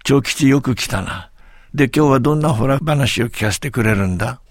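A man's voice: mid-range voice, brisk, no echo, clean studio sound, close to an everyday voice. A man voicing a proud, commanding village master and martial artist who talks in an old-fashioned way.

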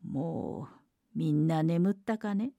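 A sly, greedy forest monster of a folktale, as a woman storyteller puts him on, his voice pressed lower and gruff. He coaxes with a false kindness and grumbles when crossed. Warm, mellow tone in a dry, close recording. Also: slow pace, no room sound, lo-fi sound, exaggerated voice. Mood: wheedling.

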